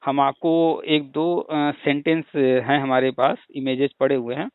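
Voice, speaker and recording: A teacher running a call-in discussion patiently lectures on a subject, leaning on rhetorical questions and examples in a relaxed phone chat. His mid-range voice is level, a little slow and clean, with no room sound, though the phone line itself sounds tinny.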